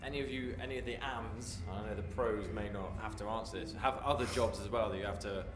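A man's voice: on the low side, fairly even intonation, quick pace. A man interviewing skaters at a busy event, asking laid-back, encouraging questions. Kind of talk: casual interview. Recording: echoey, crowd behind. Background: crowd chatter.

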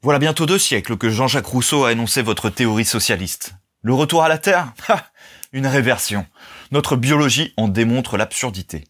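A man's voice: mid-range voice, lively intonation, normal speed, a bit bright, voice pushed up. A man reading aloud and voicing an indignant, pompous older lawyer in a storybook, his voice raised and contemptuous. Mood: indignant scorn. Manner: blustering, contemptuous outbursts.

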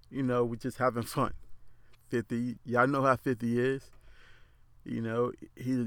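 A man's voice: medium pitch, a bit bright, no room sound. A man with a lisp giving his frank opinions in a casual monologue, rambling and repeating words as he goes. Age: adult. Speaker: commentator.

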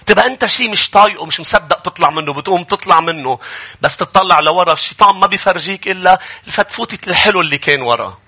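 A man with a Lebanese accent, a pastor delivering an animated sermon and acting out grumbling people. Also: high-pitched, rapid-fire, husky.

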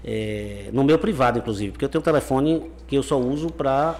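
A man, a mayor telling stories in a relaxed interview, with casual slang. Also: mid-range voice, a little fast. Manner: chatty storyteller, casual slang. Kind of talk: conversational interview answers.

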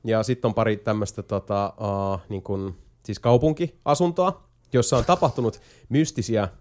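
A man chatting casually as a podcast host, explaining a video game at length with lots of hesitation fillers and a few jokes. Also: lowish voice. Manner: jokey, lively storytelling. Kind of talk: casual chat.

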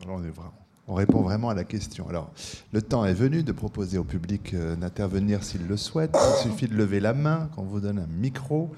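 A man moderating a public discussion, relaxed and joking with the audience. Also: fairly low pitch, fairly quick, very noisy.

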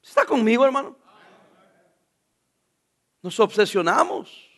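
Male pastor, very high voice, sermon, loud and soft by turns, joking. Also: slow pace. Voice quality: animated, switches between loud preaching and soft confiding asides. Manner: jokes with the congregation, calls them brother.

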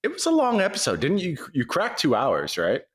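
A man chatting as a podcast co-host, recorded on an old microphone in a large high-ceilinged wooden kitchen that makes him sound echoey. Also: wildly swooping pitch, fairly quick, husky. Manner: chatty, playful complaining. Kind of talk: casual podcast chat.

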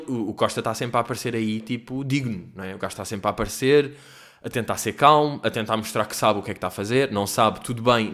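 A man with a European Portuguese accent hosting a solo comedy podcast from home, rambling and swearing, jumping between loud outbursts and low mutters. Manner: profane, digressive, mixes in English phrases. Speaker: podcast host. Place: at home in quarantine.

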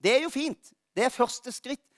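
A male pastor giving an Easter sermon, telling funny stories about himself with lively warmth. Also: extremely high pitch, no room sound, clean studio sound. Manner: lively storytelling, self-mocking humor.

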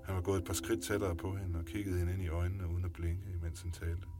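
A man narrating a scripted story in a calm, low-key way. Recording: music playing underneath.

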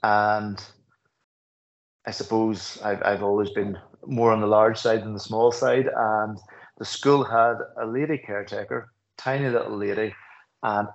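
Unhurried and fairly even in intonation, this Northern Irish man's voice sits on the low side, and the audio sounds dull. A middle-aged school principal, he reflects earnestly in an interview, sharing anecdotes and frequently starting phrases over.

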